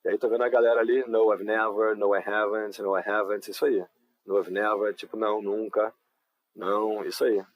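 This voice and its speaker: A man's voice: on the low side, little pitch movement, brisk, dry recording, low-quality recording. A man with a Brazilian Portuguese accent teaching an English class live online, explaining patiently and often checking in with his students. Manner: patient, explanatory, frequent tag questions.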